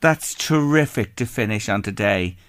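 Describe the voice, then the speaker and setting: A man's voice: fairly low pitch, lively intonation, normal speed, a bit bright, no echo, studio quality. An Irish man presenting a chatty local radio show in an effusive, folksy manner, with plenty of rhetorical questions.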